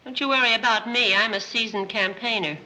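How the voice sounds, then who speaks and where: An actress playing a world-weary maid who trades deadpan screwball comedy banter in a 1930s film. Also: female voice, fairly high pitch, a little fast. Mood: deadpan, wry. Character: wisecracking, world-weary, sharp-tongued household maid. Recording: noisy old 1930s film soundtrack.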